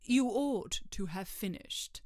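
A woman voicing a pompous, impatient male king who slowly hands down stern orders at a trial. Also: medium pitch, expressive, darkish tone, no echo, clean studio sound. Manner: slow, stern pronouncements.

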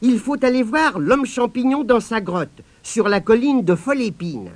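A man voicing a kind little female magic spider in a children's story, speaking in a soft, musing way. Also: very high voice, expressive, moderate pace, dry recording, pitched above the performer's own voice.

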